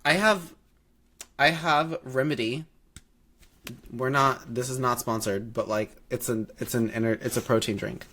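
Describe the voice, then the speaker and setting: A sassy young man in his twenties co-hosting a casual podcast, his voice a little congested from allergies. He talks in a lively, joking way and laughs often, at a mid pitch typical for a man. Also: a little slow, a little hiss or hum. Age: 20s. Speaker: podcast co-host. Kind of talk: casual chat.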